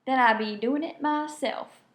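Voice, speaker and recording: A woman's voice: high voice, unhurried, a bit bright, reverberant. A woman voicing an old, grumpy male alligator, exclaiming in a grumbling drawl.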